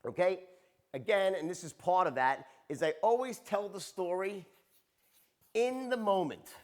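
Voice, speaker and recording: A man giving a seminar talk as a sales trainer, animated and tagging his points with "right?" and "okay?". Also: high voice.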